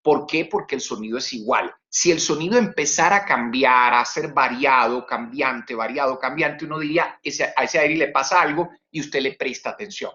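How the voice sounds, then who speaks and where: A man giving a webinar lecture on communication, talking in an animated way that swings his voice high and low to demonstrate tone and repeats words for emphasis. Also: fairly quick, few pauses, lo-fi sound. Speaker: communication trainer.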